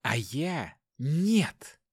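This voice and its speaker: A cold, defiant wife speaks, played by a male narrator in a firm, quiet voice. Her delivery is measured and steady, with a close, dry sound. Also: fairly high pitch, dry recording. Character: defiant woman, the inspector's wife.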